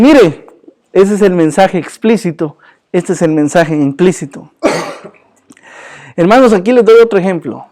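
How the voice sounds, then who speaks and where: Leading a church Bible class, a high-voiced man keeps things lively and full of jokes, frequently quizzing those present and calling them brother.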